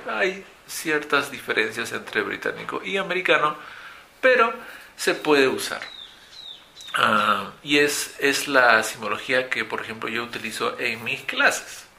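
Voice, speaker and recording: Slow, bright-voiced male English teacher. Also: medium pitch, lively intonation, creaky, echoey room, a little hiss or hum. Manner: slow, drilling words for students to repeat. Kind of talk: pronunciation lesson.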